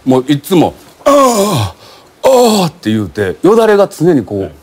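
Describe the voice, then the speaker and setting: A man's voice: mid-range voice, fairly quick, slight background noise. A man with a Kansai accent telling a comic anecdote on a variety show, acting out the people in the story. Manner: animated, acts out the characters in the story. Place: TV studio with an audience. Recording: loud studio audience laughter.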